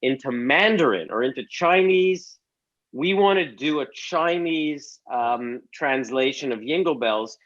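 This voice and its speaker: A man's voice: mid-range voice, animated, a little slow, a bit bright. Joking man on dull lo-fi call audio. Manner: joking, self-deprecating asides. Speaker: comedy series co-creator, guest. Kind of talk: casual panel chat.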